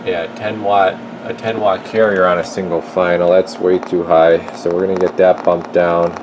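At an indoor electronics workshop bench, a technician and video host with a low-sitting voice talks at normal speed, casually commenting on a hands-on repair and thinking aloud as he works. A steady hum fills the noisy workshop recording.

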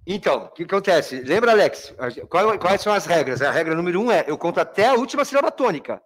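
Brazilian man, literature teacher, high voice, review lecture, checks understanding often. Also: sing-song, fast talker, a bit bright. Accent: Brazilian Portuguese. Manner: keeps checking understanding, addresses students fondly.

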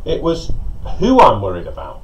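Animated middle-aged male pastor preaching. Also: medium pitch, normal speed. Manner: storytelling, animated, gesturing with hands. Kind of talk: sermon. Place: covered porch outdoors by a lake. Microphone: lapel mic. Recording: slightly dull sound with faint outdoor ambience.

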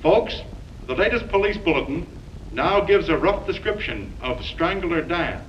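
A formal radio announcer in an early talkie film. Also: male voice, on the high side, sing-song, unhurried, fairly bright tone. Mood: urgent. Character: formal male radio station announcer reading police bulletins. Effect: early talkie film sound. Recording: muffled, distant, faintly hissy 1929 film soundtrack.

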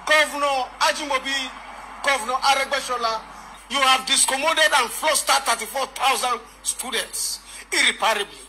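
An actor playing a pompous Nigerian professor in a comedy skit, ranting wildly and unhinged in absurdly grandiloquent language. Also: male voice, very high-pitched, moderate pace, sharp tone, heavily acted. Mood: outraged, unhinged. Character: pompous male professor spouting absurd bombastic big words. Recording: noisy replay off a screen.

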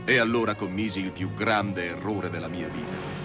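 An actor playing a wry, confident, smooth-talking soldier in a dubbed film comedy. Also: male voice, sits low, normal speed, lo-fi sound, lightly acted. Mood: wry, rueful. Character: wry, smooth-talking army buddy, a scheming ladies' man. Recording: old film soundtrack, music behind.

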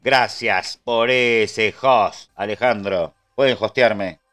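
Speaking slowly in a lowish, slightly bright voice, an Argentine-accented man runs a laid-back trading livestream with faint music in the background. He chats freely, replies to viewers' messages and thanks his subscribers.

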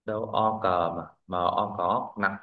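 Deep-voiced male teacher running drills. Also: fairly even intonation, a little slow, narrow, tinny audio. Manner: corrects and models words, checks with "right?". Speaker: Korean language teacher. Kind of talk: classroom pronunciation drill.

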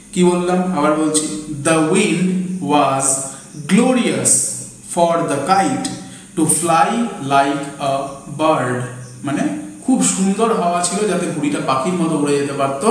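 A male English teacher, walking students through exam answers and dictating them slowly, word by word. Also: sits high. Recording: very echoey room.

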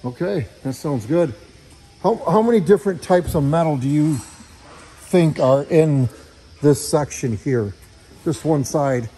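A man's voice: a little high, a little slow, mellow, a little hiss or hum. Man touring his auto body shop. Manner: chatty, filler-heavy explaining. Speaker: shop owner giving a tour. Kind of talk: casual walkthrough narration. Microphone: handheld phone camera.

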